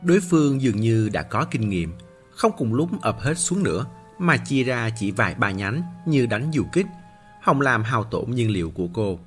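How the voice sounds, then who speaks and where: A man narrating a novel as an audiobook, expressive and lively. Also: medium pitch, moderate pace, faint music behind.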